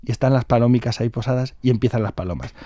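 A middle-aged male storyteller tells an oral folk tale in a lively, chatty manner. His voice is mellow and dark, and it is recorded close and dry. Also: medium pitch, rapid-fire, no echo. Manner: lively, conversational.

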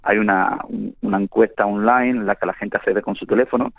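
A man calls in to a radio program as a linguist guest and explains at length, restarting his sentences often. His voice sits a little low and moves at a brisk clip. The sound is thin and dry, like a telephone line. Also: fairly even intonation, vocal fry, no echo. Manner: explanatory, halting with frequent restarts. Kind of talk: radio phone interview. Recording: tinny phone line into a radio studio.

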